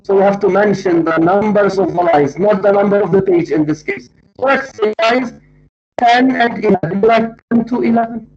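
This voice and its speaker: A high-voiced man with an Arabic accent lectures like a university English teacher, stressing and repeating his points in a didactic way. The recording is dull and lo-fi. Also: moderate pace, darkish tone, faint music behind. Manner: didactic, emphatic, repeats and spells out key points. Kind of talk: lecture on academic writing. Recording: dull lo-fi audio.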